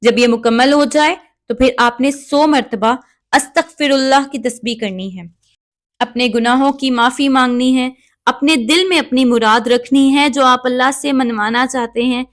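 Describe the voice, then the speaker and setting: A woman giving calm, measured step-by-step prayer instruction and reciting Arabic prayers along the way. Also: sits high. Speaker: religious instructor.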